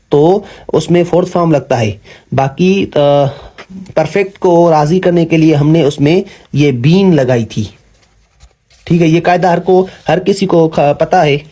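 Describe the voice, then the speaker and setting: A young man teaching English grammar in a patient classroom style, often pausing with fillers and correcting himself. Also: on the high side, warm tone. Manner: patient, repeats "ठीक है", frequent fillers and self-corrections.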